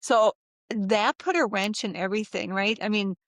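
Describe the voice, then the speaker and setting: A middle-aged woman recounting a personal experience in a casual interview, animated and acting out what others said, with frequent laughs. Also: mid-range voice, normal speed, no echo, clean studio sound. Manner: animated, acts out quoted voices, laughs often. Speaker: interview guest.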